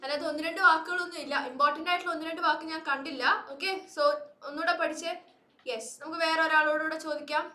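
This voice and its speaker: A woman's voice: sits high, steady tone, fast talker, pushed and bright, distant mic. A woman teacher, running a live online class and coaxing students with repeated prompts. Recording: echoey room.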